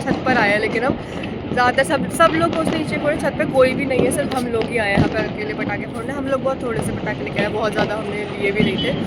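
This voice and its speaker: Woman, hoarse, worn out, chatty and candid, casual vlog, handheld phone, loud firecracker bangs behind. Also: a little high, heavy background noise. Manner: chatty, candid and self-critical. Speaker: vlogger. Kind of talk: casual festive vlog chat. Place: home and rooftop at night. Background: firecrackers bursting.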